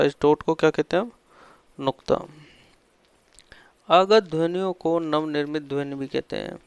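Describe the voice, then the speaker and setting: Male teacher, slightly high, gravelly yet very clear voice, dry sound; quizzes himself and repeats terms like a classroom drill. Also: no room sound. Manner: asks questions and answers them himself, with frequent fillers. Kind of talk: explaining a lesson on Hindi vowel endings.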